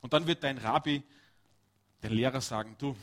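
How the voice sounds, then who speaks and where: A man preaching a lively, chatty sermon, talking straight to his listeners with quick asides. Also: medium pitch.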